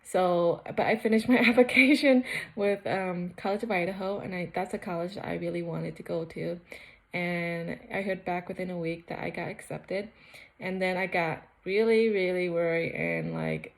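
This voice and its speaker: A woman's voice: on the low side, normal speed. A young woman from Cambodia sharing her personal faith testimony in a casual, earnest, rambling way with many fillers. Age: young adult.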